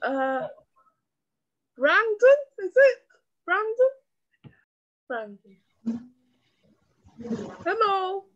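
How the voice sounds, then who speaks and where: A woman's voice: extremely high pitch, big pitch swings, extremely slow, long pauses, muffled recording. A woman hosting a casual video call, calling on people one by one, chatty and laughing often. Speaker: meeting host calling on participants.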